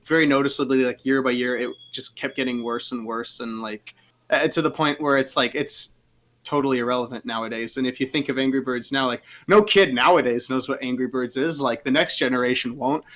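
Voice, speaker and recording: A man's voice: medium pitch, brisk, fairly bright tone. A young man co-hosting a podcast, chatting casually in a rambling, giggly way with lots of fillers. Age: young adult. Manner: rambling, giggly, says "like" a lot. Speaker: podcast co-host. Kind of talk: casual chat.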